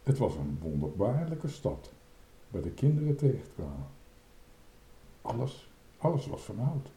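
Dark-voiced man reading a storybook aloud. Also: mid-range voice, unhurried, roomy sound. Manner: expressive, dramatic. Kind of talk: reading a children's book aloud.

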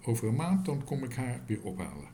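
A man's voice: mid-range voice, very animated, brisk, dark tone, a little hiss or hum, natural voice. A man voicing a shy, bashful father who hesitates and stammers, in a storybook reading. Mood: gentle.

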